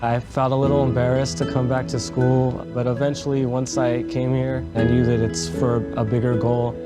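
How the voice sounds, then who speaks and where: A man's voice: mid-range voice, level tone, moderate pace. A man sincerely telling his story in a testimonial ad. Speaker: adult learner in an ad. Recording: ad played with loud music.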